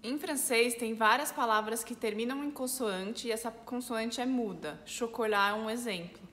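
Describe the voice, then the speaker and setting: A woman with a Brazilian Portuguese accent, a French teacher, explaining pronunciation clearly step by step. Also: fairly high pitch, moderate pace, a bit bright, in a large hall. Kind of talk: pronunciation lesson.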